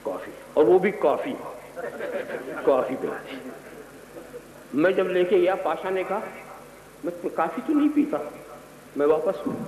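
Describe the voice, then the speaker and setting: A man preaching a sermon, telling humorous anecdotes and building to impassioned, shouted exhortations. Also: high voice, very animated, pauses often, roomy sound, a crowd in the background, poor audio. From Gujarat, India. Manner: storytelling, rising to impassioned shouts.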